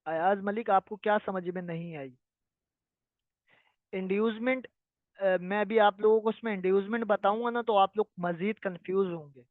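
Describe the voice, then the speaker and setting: A man's voice: high-pitched, normal speed, no echo. A man teaching a live online trading lesson, patiently explaining and often checking that his listeners follow. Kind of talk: live online lesson answering viewer questions. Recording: tinny phone-like sound, dry.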